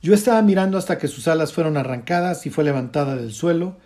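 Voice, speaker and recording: A man's voice: fairly high pitch, lively intonation, fast talker, warm tone. A man teaching a conversational Bible study, explaining passages and pointedly commenting, often checking in with a questioning "ok?".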